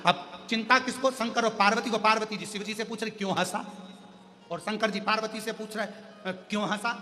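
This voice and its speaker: A man preaching a devotional story sermon at a large live gathering, animated and full of rhetorical questions. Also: high voice, fast. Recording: echoey hall with devotional music.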